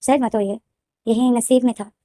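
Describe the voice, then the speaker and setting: A woman voicing a gentle, consoling young man. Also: fairly high pitch, steady tone, normal speed, no echo, close to an everyday voice. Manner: soft, consoling. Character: gentle young man, long-lost son, soothing.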